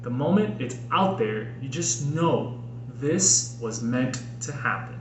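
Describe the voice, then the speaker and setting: Taking it slowly, a Minnesota-born American man who hosts a podcast and writes reads from his own book in the manner of a homemade audiobook. He sounds earnest and expressive in a medium-pitched voice, shaping his phrases with care. The room echoes noticeably, and there is faint noise underneath.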